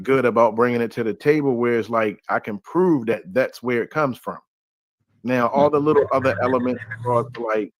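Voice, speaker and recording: A man holds forth in an easygoing, rambling way and keeps circling back with filler phrases. His voice sits at a middling pitch. It is recorded dry, with no room sound. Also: a bit bright, no echo. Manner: loose, conversational, heavy on filler phrases. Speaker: podcast panelist. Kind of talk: casual opinionated discussion.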